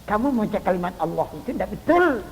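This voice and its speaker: An older man preaching a Quran exegesis sermon, emphatic, swinging from loud stresses to hushed demonstrations. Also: high voice, very animated, quick pace, big-room sound, a little hiss or hum, low-quality recording. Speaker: Islamic preacher.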